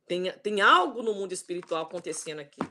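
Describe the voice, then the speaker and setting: A woman's voice: lowish voice, lively intonation, fast talker, sharp tone, slight background noise. An older woman pastor, preaching emphatically over a video call, often repeating words and checking in with "né?" and "tá?". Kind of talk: online sermon teaching.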